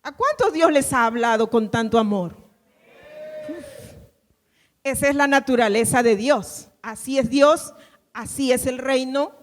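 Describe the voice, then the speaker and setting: High-voiced woman pastor preaching in a reverberant hall. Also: expressive, a little slow, pauses often. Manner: emphatic, repeats phrases and asks the congregation to say them back. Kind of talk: sermon. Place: church.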